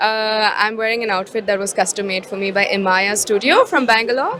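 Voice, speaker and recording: Mid-pitched woman, casual interviewee. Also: fast talker, pushed and bright. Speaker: event guest being interviewed. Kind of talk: casual red carpet interview.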